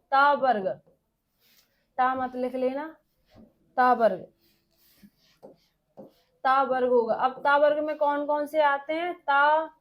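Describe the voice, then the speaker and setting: High-voiced, slow-dictating woman teacher. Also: lo-fi sound. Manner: dictating slowly, repeating phrases for note-taking; asks questions and answers them herself. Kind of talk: exam-prep grammar lesson.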